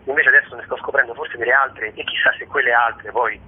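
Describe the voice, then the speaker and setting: A man who is a stage actor and storyteller gives a conversational radio interview as a guest, talking discursively and expressively with rhetorical asides. His mid-range voice is slightly rough, fairly even in intonation and fairly quick, heard through thin phone-line radio sound.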